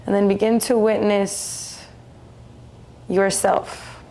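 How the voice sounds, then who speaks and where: A woman of medium pitch, whose voice barely rises or falls, leads a meditation. She is soothing and gentle, speaking slowly with long gaps between phrases.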